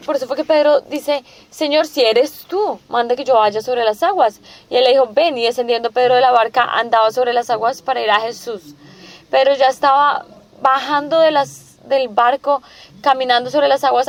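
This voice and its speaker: A woman's voice: high-pitched, fairly even intonation, moderate pace. A woman preaching a sermon, asking rhetorical questions and restating each point several times. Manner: asks the listeners rhetorical questions.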